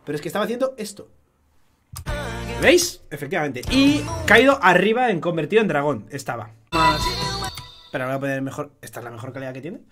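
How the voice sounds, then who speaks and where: A young man from Spain with a Spanish accent, talking excitedly through a casual live-stream commentary, swearing often in chatty fan banter. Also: fairly high pitch, brisk, long pauses, music in the background. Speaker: streamer analyzing an anime opening.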